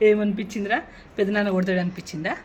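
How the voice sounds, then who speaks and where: A woman's voice: mid-range voice, steady tone, very fast, slight background noise. A woman, teasing and coaxing a kid after a prank, pressing him with questions. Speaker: prank vlogger. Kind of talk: casual teasing chat.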